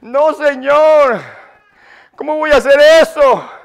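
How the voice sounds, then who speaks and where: A man's voice: very high-pitched, takes it slowly, gravelly, pitched above the performer's own voice, full character voice. A frightened climber clings to a branch and cries out for rescue, as a preacher acts him out. He pleads in a strained, raised voice that sits well above the preacher's own. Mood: pleading. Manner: pleading, crying out for help. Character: frightened male mountain climber dangling from a branch.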